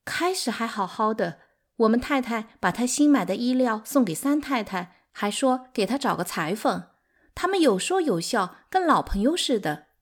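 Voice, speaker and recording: A woman's voice: fairly high pitch, expressive, normal speed, pitched above the performer's own voice. A woman voicing a gossipy old maidservant telling what happened, in an audiobook.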